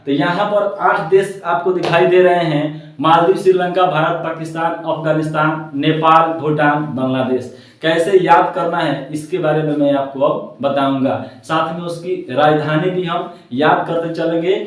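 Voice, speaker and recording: High-voiced teacher in an echoey room. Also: male voice, far from the mic. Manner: chants lists of names in a sing-song rhythm; repeats each point twice. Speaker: geography teacher. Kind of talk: classroom-style map lesson. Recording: very echoey room, voice from away from the mic.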